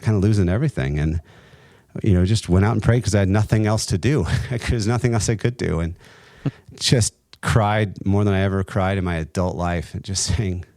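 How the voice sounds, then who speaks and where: A middle-aged man speaks in a very low voice, recorded close and dry. He tells his story as an interview guest in an earnest, halting way, with many restarts and a few laughs. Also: darkish tone, no echo. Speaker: guest, entrepreneur and nonprofit co-founder.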